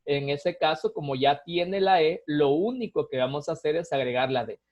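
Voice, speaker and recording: A man giving a recorded lesson, explaining grammar rules patiently step by step, often checking in with a quick tag question. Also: a little high, a little mellow. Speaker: teacher. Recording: dull lo-fi recording.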